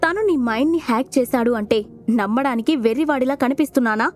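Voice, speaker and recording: A woman's voice: sits high, fast, a little mellow, faint music behind, lightly acted. A woman voicing a hot-headed swordsman who speaks with scorn, in an audio storybook. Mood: scornful. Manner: scornful, warning.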